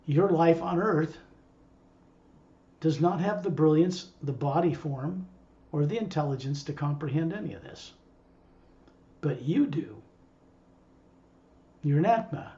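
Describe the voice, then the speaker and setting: Man, higher voice, mellow tone, rambling group talk, dull lo-fi sound. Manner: rambling, digressive. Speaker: spiritual teacher leading a small group.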